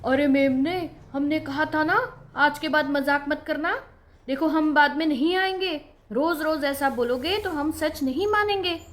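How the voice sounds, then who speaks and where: A woman's voice: high voice, unhurried, pitched above the performer's own voice. A woman voicing the lamb's loyal friends, a bull and a dog, scolding him in a firm tone.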